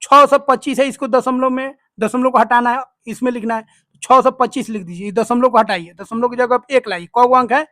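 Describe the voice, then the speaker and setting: A maths teacher explains steps slowly and keeps quizzing the listener with call-and-response questions. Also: mid-range voice, steady tone, a bit bright, no echo, studio quality. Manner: slow, step-by-step dictation. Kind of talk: online tutorial explanation.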